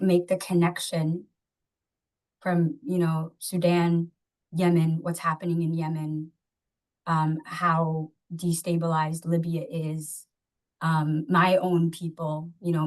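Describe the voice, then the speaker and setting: A woman's voice: lowish voice, little pitch movement, slow pace, darkish tone. A woman from Somalia hosting an interview, asking questions in a rambling, searching way, full of "like" and "you know". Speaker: podcast host. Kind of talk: conversational interview.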